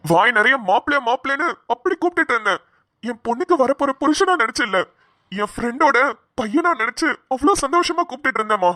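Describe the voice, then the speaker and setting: A woman voicing a furious, hot-tempered middle-aged father in a cartoon, shouting bitterly. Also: high voice, expressive, quick pace, dry recording, studio quality. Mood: angry. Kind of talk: cartoon voice acting.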